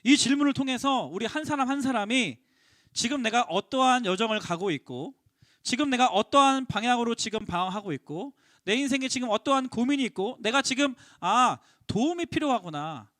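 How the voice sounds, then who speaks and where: A man gives a youth sermon in a very high, bright voice that rises and falls with lively energy. He slips into the quoted lines and acts them out as he goes. The sound is dry and close to the mic. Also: fairly quick, dry recording. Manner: animated, acts out the biblical quotes. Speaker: youth pastor. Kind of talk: sermon to middle schoolers.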